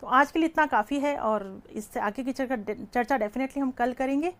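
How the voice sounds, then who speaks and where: A woman's voice: high-pitched, normal speed. A woman teacher giving a live online lecture, asking questions and answering them herself, and calling her students "beta". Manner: calls students "beta" affectionately.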